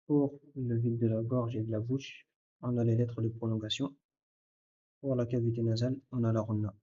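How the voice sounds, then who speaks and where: A man's voice: mid-range voice, level tone, normal speed, dark tone. A man teaching a recorded lesson, explaining step by step and addressing the listener directly, repeating sounds aloud to demonstrate them. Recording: dull lo-fi recording.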